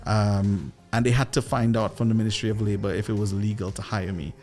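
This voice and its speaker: A man with a Trinidadian accent from Trinidad and Tobago, a guest entrepreneur and business coach telling playful, animated stories in a casual interview. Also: on the low side, a little fast, soft background music. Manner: animated, playful, with lively voiced asides.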